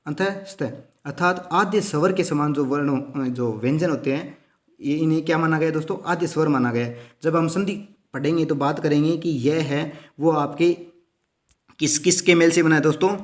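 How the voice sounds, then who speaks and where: A man's voice: fairly high pitch, normal speed. A man teaching a lesson for exam preparation who asks questions and answers them himself, and keeps calling his students his friends.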